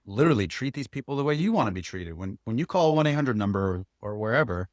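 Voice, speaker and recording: A man talking candidly as a guest in a podcast interview, relaxed, with frequent restarts. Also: mid-range voice, fast talker, dry recording, studio quality. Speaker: guest insurance agent.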